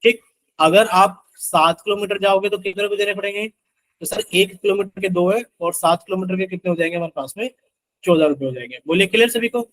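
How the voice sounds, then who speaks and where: A man's voice: high-pitched, a bit bright, poor audio. A man teaching a live online math class, explaining step by step and often checking whether the students have understood. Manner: explains step by step, keeps asking students if it is clear.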